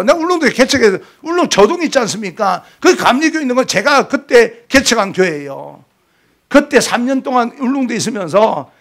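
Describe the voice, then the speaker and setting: A middle-aged man pastor preaching a revival sermon, swinging between shouting and hushed storytelling in a church sanctuary. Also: very high voice.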